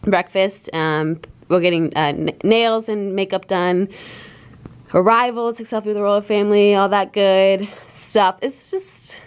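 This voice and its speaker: A woman's voice: medium pitch, fairly even intonation, measured pace, clear, resonant tone, low-quality recording. A young woman vlogging casually, bubbly and rambling with lots of fillers, talking to a handheld camera. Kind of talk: casual vlog chat. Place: hotel room and travel.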